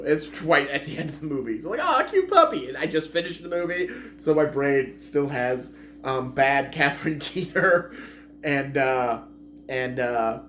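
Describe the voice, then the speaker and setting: Chatty man, slightly high voice. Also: slight background noise. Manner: rambling, self-correcting, chatty. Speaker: movie reviewer. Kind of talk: casual spoken review.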